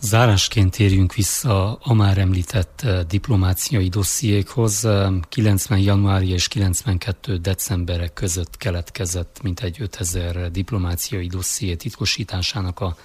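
A man interviewing a guest, asking formal, deliberate questions. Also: sits low, steady tone, a little mellow, breathy edge.

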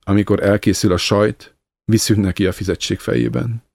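Egy férfi, aki egy szigorú, kérlelhetetlen öregasszonyt szólaltat meg mogorva, kurta mondatokkal. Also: male voice, on the low side, steady tone, a little mellow, dry recording. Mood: stern. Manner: curt, harsh, grumbling. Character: stern, unforgiving old woman, a hard mother-in-law.

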